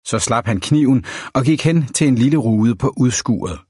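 Husky male audiobook narrator. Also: medium pitch, expressive, darkish tone, dry recording, studio quality. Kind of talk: audiobook reading of a novel.

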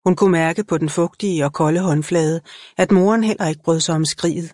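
A woman reading a novel aloud in a slow, measured narration. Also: on the low side, darkish tone, no echo, clean studio sound. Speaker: audiobook narrator. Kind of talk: scripted narration.

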